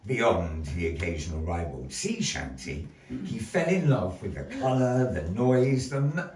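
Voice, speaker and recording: A deep, slightly mellow voice belongs to a man acting as an old-fashioned, grandiose puppet-show presenter, spinning tales for a live gallery audience. His intonation is lively and his pace a little slow. A far-off mic yields a roomy sound with background noise.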